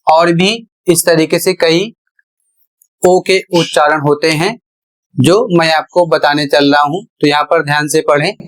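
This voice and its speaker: A man teaching English pronunciation in a slow explanatory lesson, deliberate and repeating his phrases while drawing out key sounds. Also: a little high, fairly even intonation, fairly bright tone, low-quality recording.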